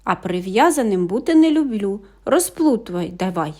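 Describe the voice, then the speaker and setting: A woman reads as a cranky older boy who grumbles and snaps at his little sister. His lines come a little higher and louder than the narration, impatient and bossy, as in a fairy tale read aloud. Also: expressive, normal speed, natural voice. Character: grumpy older boy, big brother. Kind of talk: audiobook fairy tale reading.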